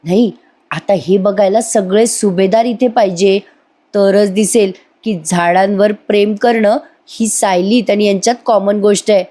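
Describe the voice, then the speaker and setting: A woman voicing a scheming young woman who talks in a shrill, put-on sweet way. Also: steady tone, measured pace, warm tone, close to an everyday voice. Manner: shrill, pretending.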